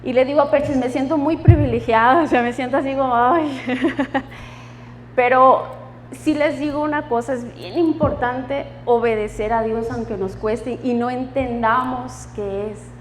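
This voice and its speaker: A woman's voice: sits high, steady tone, a little slow, big-room sound, soft background music. A woman giving her personal testimony in church, emotional and laughing often as she quotes the voices of God and friends.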